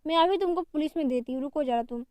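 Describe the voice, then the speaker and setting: A hot-tempered young wife who scolds without pause, as a woman narrator puts her on. The voice is very high and mellow. It sounds close and dry. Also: no room sound, lightly acted. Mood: angry.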